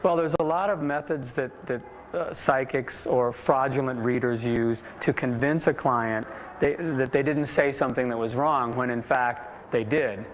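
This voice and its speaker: A man speaks as a skeptic who once worked as a medium. He explains methods in a measured interview manner, pausing and hesitating as he demonstrates. Light location noise sits behind him. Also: mid-range voice, rough recording. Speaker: former medium turned skeptic. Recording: faint background location noise.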